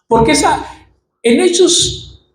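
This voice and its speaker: A man with a Colombian Spanish accent preaches slowly in a high voice, acting out the scenes he describes. His words ring through a reverberant church hall over a faint room hum. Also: lively intonation. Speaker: pastor. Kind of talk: sermon.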